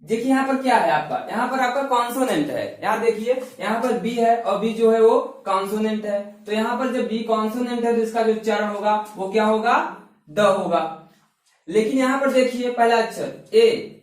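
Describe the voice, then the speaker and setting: High-voiced man teaching in an echoey room. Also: normal speed, recorded from a distance. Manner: repeats key words, asks and answers his own questions. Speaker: English grammar teacher. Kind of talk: classroom lesson explaining articles. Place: classroom.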